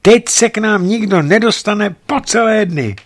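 A man voicing a playful young woman who teases her lover, in a lifted, lively voice. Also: sits high, no room sound, studio quality, pitched above the performer's own voice. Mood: delighted.

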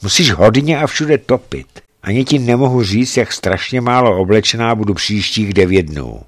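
A man voicing a playful young woman who teases her lover, in a lifted, lively voice. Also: on the low side, no echo, clean studio sound.

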